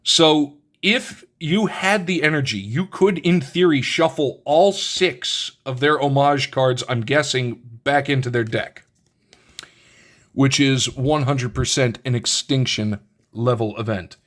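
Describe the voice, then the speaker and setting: A man's voice: mid-range voice, slow pace, a bit bright. A man hosting his own channel, casually thinking aloud as he reads through a card game's rules and lays out the pieces. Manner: thinks aloud while reading rules, with many restarts and asides. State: has the hiccups. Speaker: channel host reviewing a card game. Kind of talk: casual unboxing commentary.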